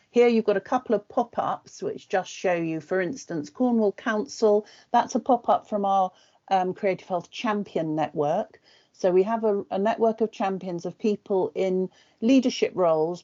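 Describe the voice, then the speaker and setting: Low-voiced woman presenting on a webinar. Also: mellow. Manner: brisk, with frequent ums. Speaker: organisation representative presenting. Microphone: video call. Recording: muffled video call audio.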